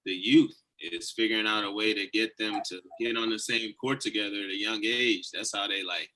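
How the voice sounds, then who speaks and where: A young man from St. Louis, a former college athlete, talking in a relaxed, conversational way in a panel discussion. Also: fairly low pitch, normal speed, a little hiss or hum, rough recording.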